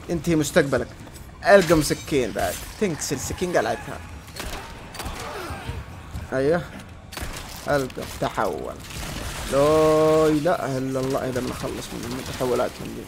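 Fast-talking gamer man. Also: creaky, noisy background. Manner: shouts insults at enemies, then drops to low muttering. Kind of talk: let's-play commentary.

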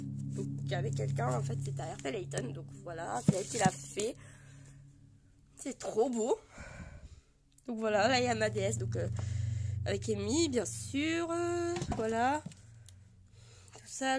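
A woman with a hoarse voice from a cold, gushing and rambling with many fillers as she shows off her collection in a casual vlog. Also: on the high side, measured pace, pauses often. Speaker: vlogger showing her collection. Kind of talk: casual show-and-tell. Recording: noticeable background noise.

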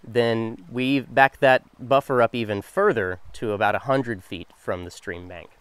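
A man's voice: medium pitch, smooth, dry recording. A young man, a water quality specialist, explaining outdoors while standing in a stream, informative with frequent fillers. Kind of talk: on-site educational explanation.

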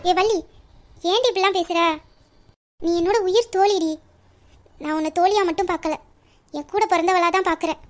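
A woman's voice: very high-pitched, steady tone, a little fast, long pauses, a little hiss or hum. A woman voicing a troubled young woman who speaks hesitantly and evasively about her marriage. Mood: pleading. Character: troubled young bride-to-be, secretly in love. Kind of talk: audio story reading.

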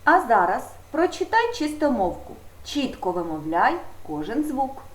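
Teacher, woman, high animated voice, patient and emphatic with children, echoey room. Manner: slow, emphatic, addressing children directly. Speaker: primary school teacher. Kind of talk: video lesson for fourth graders.

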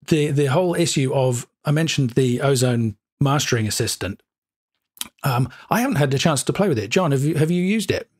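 A man's voice: medium pitch, lively intonation, fairly quick. A man hosting an interview podcast, chatting with hesitations and filler words. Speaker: podcast host. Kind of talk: conversational interview.

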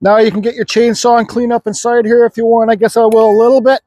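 Speaking fast in an extremely high, mellow voice that barely moves in pitch, a middle-aged man chats offhandedly through a casual chainsaw carving demonstration in an outdoor yard as he works. A nearby camera mic captures him, and the recording is dry.

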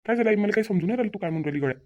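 A woman's voice: medium pitch, expressive, racing, a little mellow, dull audio, lightly acted. A woman voicing a meek young husband in a cartoon, answering hesitantly. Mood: confused. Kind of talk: cartoon voice acting.

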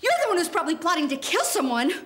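An actress playing a prim, high-strung, indignant woman in a sitcom. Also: big pitch swings, rapid-fire. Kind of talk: sitcom acting. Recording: echoey, very noisy TV soundtrack.

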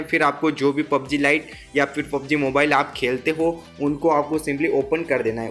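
Higher-pitched Indian man giving a tutorial. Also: a bit bright. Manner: repetitive, instructional, addresses viewers directly. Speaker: tech tutorial host. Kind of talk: casual step-by-step phone tutorial voice-over.

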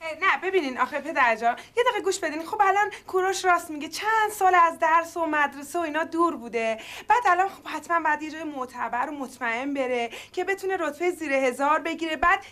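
A woman's voice: sits high, expressive, hardly any pauses, pushed and bright. A young actress playing a polite, persuasive young woman mediating in a family quarrel in a TV sitcom. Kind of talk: TV sitcom acting.

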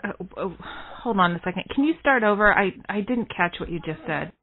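A woman's voice: medium pitch, expressive, a little fast. A woman heard over a phone line, answering a call and asking the caller to start over. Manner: asking to have things repeated.

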